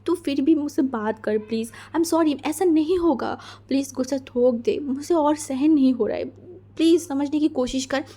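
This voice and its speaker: A woman voicing an obsessive, possessive young husband who speaks in an intense, hushed, menacing way. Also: high voice, normal speed, lightly acted. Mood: pleading. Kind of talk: fan fiction story reading.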